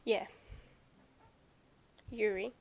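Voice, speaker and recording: A woman's voice: mid-range voice, fairly even intonation, drawn-out words, darkish tone. A woman playing a video game, reading a visual novel aloud and making chatty, joking asides to viewers.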